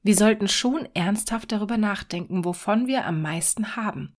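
In a fairy-tale reading, a woman with a mid-range voice at normal speed lightly acts the part of a poor, modest fisherman. Her tone is plain, sensible and hopeful.

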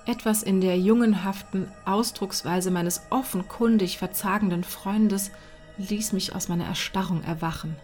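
A woman reading a horror story aloud in a dramatic, hushed manner that often drops to a whisper. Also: mid-range voice, steady tone, soft background music. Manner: slow, hushed, sinking to whispers. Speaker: reader.

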